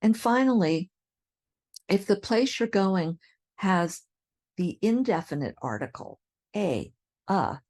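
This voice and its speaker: A woman with an American accent teaching English pronunciation, modeling example phrases clearly. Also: mid-range voice, expressive, takes it slowly, pauses often, a little mellow. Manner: models example sentences, repeating drills. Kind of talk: slow, clear pronunciation lesson.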